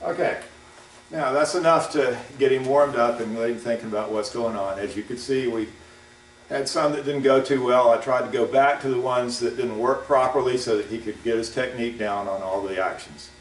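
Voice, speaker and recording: A man coaching fencing, explaining a demonstration aloud in a measured, halting way. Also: medium pitch. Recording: echoey room, distant mic, faint hum.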